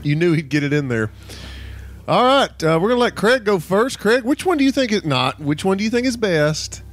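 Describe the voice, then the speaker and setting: A man's voice: sits high, big pitch swings, fairly quick. A man hosting a casual podcast chat, leading the discussion and laughing often. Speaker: podcast host.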